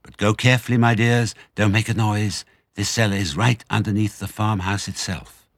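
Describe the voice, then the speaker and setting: A man voicing a confident, cunning father fox with a smooth-talking, commanding manner, for a storybook. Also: lowish voice, fairly even intonation, moderate pace, no echo, studio quality. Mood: cautioning.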